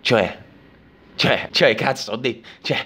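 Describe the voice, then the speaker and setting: Man, high lively voice, sarcastic, vulgar comic recap. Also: music in the background. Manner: sarcastic, crude and rapid, jumping into voices. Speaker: recap video host.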